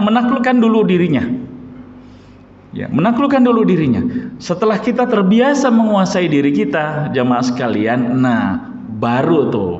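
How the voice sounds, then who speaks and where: Man preaching in an echoey mosque. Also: darkish tone. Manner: conversational, asks the congregation questions; acts out quoted speech with raised pitch. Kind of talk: mosque sermon. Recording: echoey hall, dull lo-fi sound.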